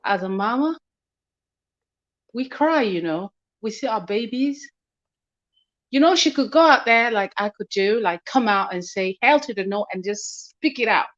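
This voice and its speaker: A woman's voice: on the high side, lively intonation, measured pace, fairly bright tone. Woman on a call that keeps dropping out. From United Kingdom. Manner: emphatic, talks in bursts with filler phrases. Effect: remote call audio breaking up and dropping out. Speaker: caller on a live stream. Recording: dull lo-fi call line.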